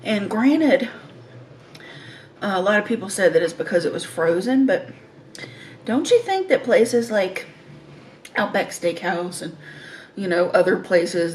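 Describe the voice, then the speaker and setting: A woman with a lowish voice hosts a mukbang, chatting casually while she eats and savors her food, dropping savoring mms between phrases. There's slight background noise.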